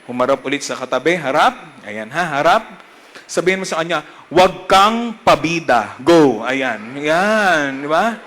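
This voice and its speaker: A young man with a Filipino accent, a priest giving a lively homily and leading the congregation in call-and-response. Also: fairly high pitch, measured pace. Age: young adult.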